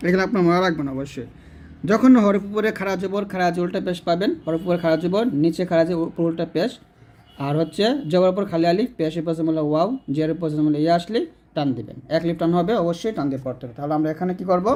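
A man teaching Quran reading step by step, patiently repeating each rule and chanting the sample words slowly. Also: on the high side, a little mellow. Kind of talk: step-by-step spelling lesson.

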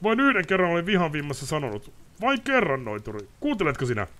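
A man shouting as a raging nobleman, shrill. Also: very animated. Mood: pleading. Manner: shouting, ranting, pleading. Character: furious panicking male nobleman.

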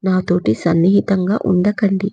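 A woman's voice: mid-range voice, little pitch movement, normal speed, creaky, warm tone, slightly rough, dry recording, dull audio. A woman voicing a tearful hurt young woman. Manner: pleading, tearful. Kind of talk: audiobook character reading.

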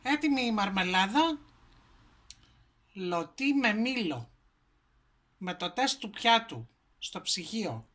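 A woman with a Greek accent talks through a recipe in her home kitchen, calm and methodical. Her voice sits at a middle pitch. A faint hum of room noise runs under her words. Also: long pauses. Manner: calm step-by-step explaining. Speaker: cooking show host. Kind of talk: home cooking demonstration.

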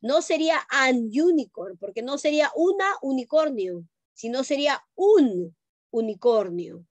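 A woman gives an online English lesson to young children in a high voice at a slow, patient pace. She repeats each point and keeps checking that the kids follow. The sound is dry, with no room echo. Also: animated. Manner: patient, repetitive, checks understanding with questions; calls children pet names. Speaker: primary school English teacher. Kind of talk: online class explanation to children.

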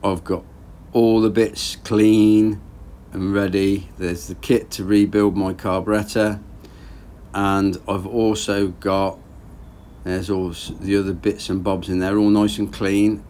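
Slow and on the low side, a man in his thirties thinks aloud as he rebuilds a boat engine in his garage. His narration is relaxed and plain-spoken, with a little hiss or hum audible.

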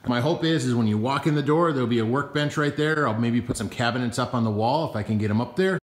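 A man's voice: medium pitch, quick pace. A man in his thirties filming himself on a handheld camera in a big metal barn, chatting casually and joking about his own skills as he builds things, hot and sweaty. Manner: chatty, self-deprecating, working while talking. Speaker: homestead vlogger. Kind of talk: casual DIY vlog. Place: large metal barn, indoors. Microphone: camera at arm's length.

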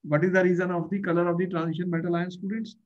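A middle-aged man with a North Indian accent and a notably high voice tutors over a video call. He repeats key phrases and keeps checking with questions. The sound is slightly dull and muffled. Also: level tone, very fast. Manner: repetitive, questioning, often addressing the learner. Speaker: chemistry teacher. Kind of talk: online tutoring lesson. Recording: dull, muffled online-class audio.

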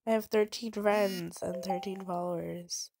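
A woman's voice: mid-range voice, fairly even intonation, unhurried, gravelly, a little mellow, no room sound, studio quality. A young woman with a stuffy, nasal voice, chatting casually and laughing as she plays a game. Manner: chatty, laughing, reads game text aloud. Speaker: let's play gamer.

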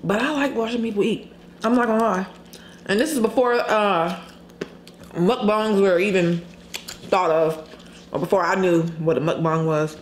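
A woman vlogger chatting candidly while eating on camera, pausing to chew and hum over her food. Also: mid-range voice. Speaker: mukbang vlogger. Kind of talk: casual mukbang chat while eating. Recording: echoey room, faint background noise.

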